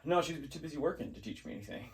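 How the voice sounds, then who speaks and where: A man's voice: fairly high pitch, rapid-fire. A young man being interviewed about his jobs, talking casually, rambling and mocking himself with frequent laughs. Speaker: interview guest, assistant manager.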